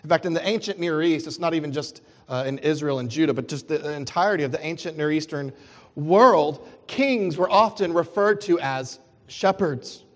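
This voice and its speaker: Man, pastor preaching a sermon, slightly higher voice, long hall reverb, rhetorical questions. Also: normal speed.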